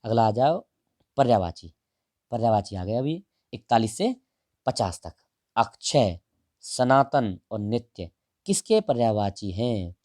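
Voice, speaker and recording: A man teaching exam prep, going through answers one option at a time in a casual, direct way and drawing some words out slowly. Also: lowish voice, expressive, a little mellow, dry recording, clean studio sound. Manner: explains each option, stretches out words while writing; casual and direct, calls the listener brother. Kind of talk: answer-key walkthrough lesson.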